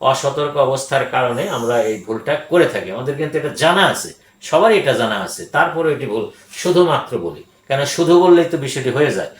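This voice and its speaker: An older man giving a grammar lesson, speaking deliberately, repeating words for emphasis and pausing with hesitations. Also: medium pitch, expressive. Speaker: grammar teacher. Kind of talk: grammar lecture. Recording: echoey room.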